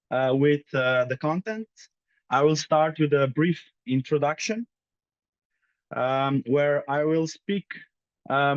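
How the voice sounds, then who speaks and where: Young guy from slovenia giving a ski teaching talk, lots of ums, kinda high voice. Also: no room sound, dull audio. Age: young adult. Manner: hesitant, many fillers. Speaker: ski demo team head presenting. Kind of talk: conference presentation.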